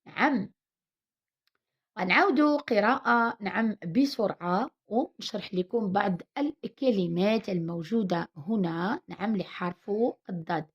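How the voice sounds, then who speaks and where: Slow, husky woman teacher with a Moroccan accent. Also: mid-range voice. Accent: Moroccan Arabic. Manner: slow, drawn-out syllable-by-syllable reading; switches between Arabic and Spanish explanations. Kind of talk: reading lesson, sounding out letters and words. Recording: dull lo-fi recording.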